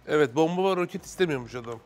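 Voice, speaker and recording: A man's voice: on the high side, expressive, very fast, soft background music. A man speaking as the off-screen voice-over host of a gaming show, with dry, teasing banter.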